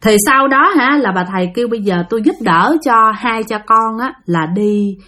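A woman's voice: a little high, normal speed, pushed and bright. A woman with a Southern Vietnamese accent telling a ghost story in a chatty, repetitive way, often turning to address her listeners.

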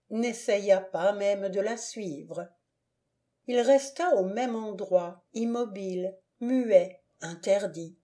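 Brief: a woman reading a classic novel aloud, measured and slow, mellow voice. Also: medium pitch. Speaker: audiobook narrator. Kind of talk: scripted narration of a classic novel.

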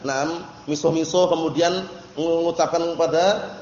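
High-voiced man teaching in echoey hall. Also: fairly even intonation, a little slow, darkish tone, muffled recording. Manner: explains terms patiently, often checking if listeners understood. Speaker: religious teacher. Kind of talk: Islamic study lecture.

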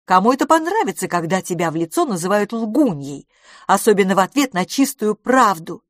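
A woman's voice: mid-range voice, big pitch swings, a little fast, no echo, studio quality, voice pushed up. Woman voicing a coy flighty young lady. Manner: hesitant, airy.

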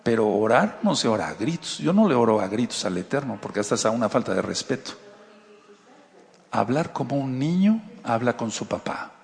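A man's voice: mid-range voice, sing-song, fairly quick, gravelly, big-room sound. A man with a Mexican accent, giving a conversational sermon as a Torah teacher and asking his listeners rhetorical questions. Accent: Mexican Spanish.

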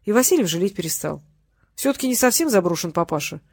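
Audiobook narrator, mid pitch, even measured read, bone-dry close mic. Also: gravelly, breathy edge, no room sound. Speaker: audiobook reader. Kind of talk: scripted narration.

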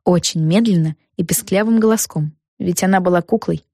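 A woman reading a children's book aloud with lively, expressive storytelling. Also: on the low side, a little fast, dry recording, clean studio sound. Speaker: audiobook narrator. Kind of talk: scripted narration.

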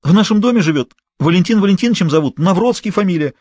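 A man's voice: high-pitched, expressive, quick pace, darkish tone, no echo, studio quality, voice pushed up. A man voicing a terrified petty male thief who pleads and babbles frantically, repeating himself. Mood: begging. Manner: frantic, repetitive, whimpering.

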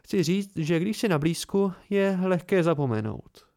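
A man voicing a gentle young woman, playful and weary, with a soft, lilting delivery. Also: high voice, animated, voice pushed up.

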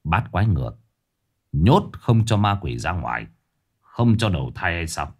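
Brief: narrator doing a gruff old exorcist, deep, curt, storybook. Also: male voice, sing-song, a little slow, a little mellow, exaggerated voice. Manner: curt, bossy, low growl.

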